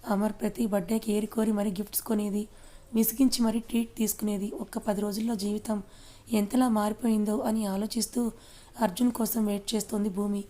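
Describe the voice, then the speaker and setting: A woman narrating a romance audio story as its storyteller, reading in an even, gentle way. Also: medium pitch, fairly quick.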